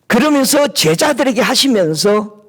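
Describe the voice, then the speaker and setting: A man of middle age preaching a sermon in a high, lively voice. He keeps asking his listeners questions and talks in an easy, spoken manner. His pitch climbs and falls a great deal as he goes. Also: normal speed. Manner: preaches with rhetorical questions and a colloquial tone. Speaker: pastor.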